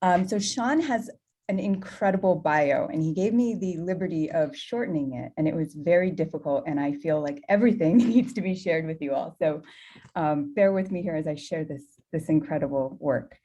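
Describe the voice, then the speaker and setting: A woman's voice: sits low, normal speed. A woman moderating a video call, reading out a long introduction of the guest speaker. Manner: warm, slightly breathless reading with small laughs.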